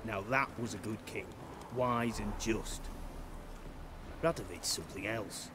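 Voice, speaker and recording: A man's voice: on the low side, a little slow, background noise, natural voice. An actor playing a world-weary middle-aged male soldier in a video game, speaking plainly. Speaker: guard.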